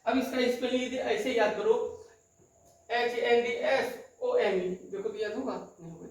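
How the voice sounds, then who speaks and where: Man teaching grammar in a very echoey room. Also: very high voice. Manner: repeats terms and checks understanding with quick questions. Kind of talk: classroom lecture. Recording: very echoey room, voice far from the mic.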